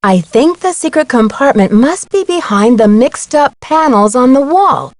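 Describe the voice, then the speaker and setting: Voicing a bright, inquisitive teenage amateur detective in a video game, a woman explains things earnestly and neatly, sounding curious. Her high voice is expressive, at normal speed, with no echo.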